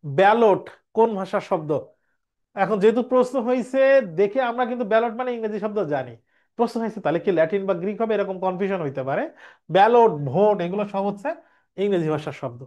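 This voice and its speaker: A man's voice: high-pitched, animated, a little fast, a little mellow. A male teacher runs an exam revision lecture, explaining step by step and answering his own questions. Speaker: Bengali language teacher.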